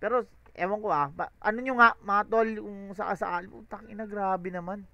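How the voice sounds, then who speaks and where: A man hosting a music reaction video, talking casually, exclaiming and cursing, then musing in halting, restarting sentences. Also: high-pitched, dull audio, crowd noise. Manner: excitable, exclaiming and swearing, then hesitant and halting when musing.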